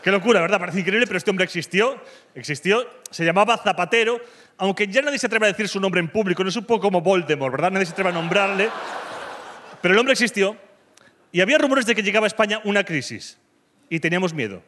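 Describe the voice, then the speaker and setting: A man with a Spanish accent from Spain doing stand-up comedy, delivering provocative dark humor that swings from mock calm to loud. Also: sits high, fast.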